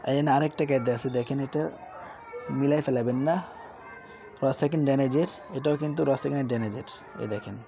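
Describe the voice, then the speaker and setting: A man teaching Quran reading, spelling out syllables slowly and repeating each word, asking questions and answering them himself. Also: mid-range voice, warm tone, a little hiss or hum. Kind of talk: spelled-out recitation lesson. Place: madrasa room with sounds nearby. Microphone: screen-recording setup.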